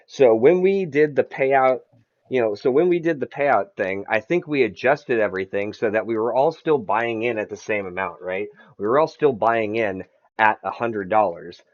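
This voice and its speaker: A man's voice: on the low side, dull audio. A man chatting casually on a podcast as the league's commissioner, rambling, repeating words and swearing freely.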